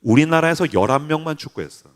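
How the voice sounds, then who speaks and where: A man's voice: on the high side, lively intonation, quick pace. A male pastor in his forties giving a casual, joking sermon to teenagers and often quizzing his listeners. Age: 40s. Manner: casual, joking, asks the crowd questions. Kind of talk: animated youth sermon. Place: church sanctuary.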